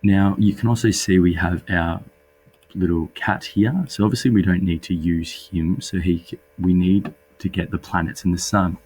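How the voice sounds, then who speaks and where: A man, husky and under the weather, patiently explaining a coding tutorial step by step as a teacher. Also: low voice, steady tone, moderate pace, a little mellow, a little hiss or hum. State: sick with a cold. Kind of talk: screen-recorded coding tutorial.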